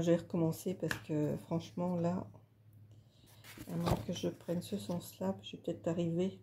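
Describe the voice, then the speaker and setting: A woman's voice: on the low side, gravelly, background noise. A woman hosting a casual craft video, talking through her work in a chatty, hesitant way with many fillers. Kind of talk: casual craft tutorial talk.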